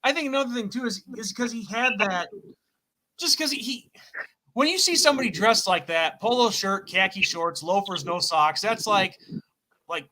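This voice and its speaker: Male co-host, high and bright-toned, rambling, self-correcting storyteller for a casual chat show. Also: lively intonation, moderate pace, slight background noise, poor audio.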